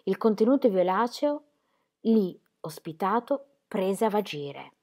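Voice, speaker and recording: A woman reading a novel aloud in a measured, expressive way. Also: mid-range voice. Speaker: audiobook reader.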